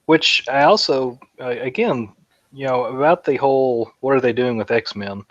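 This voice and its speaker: A podcast co-host with a medium-pitched, slightly bright voice speaks at normal speed, rambling through casual fan chatter full of fillers. There's no room sound and the audio is dull.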